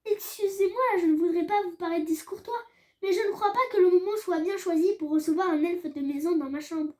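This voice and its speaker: Woman reading a polite schoolboy, hesitant, apologetic, high voice, storybook. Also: brisk, darkish tone. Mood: uneasy. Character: polite, uneasy young schoolboy wizard. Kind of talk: audiobook reading.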